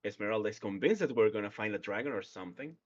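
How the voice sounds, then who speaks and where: Proper lady hobbit, as a man plays her. Measured and low, with muffled sound. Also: expressive. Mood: prim. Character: prim, level-headed young female hobbit.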